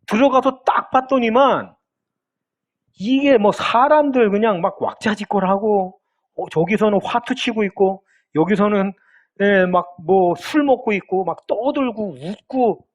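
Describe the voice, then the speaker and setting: A male pastor in his thirties preaching a sermon, retelling a television drama scene as a story. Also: high-pitched. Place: church sanctuary.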